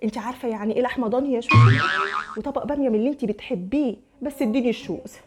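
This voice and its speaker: A woman's voice: on the high side, very fast, heavy background noise. A young woman with an Egyptian accent acting in a comic sketch, coaxing and pushy as she talks a neighbor round. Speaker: comedy sketch creator. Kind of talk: comic one-sided phone-style sketch.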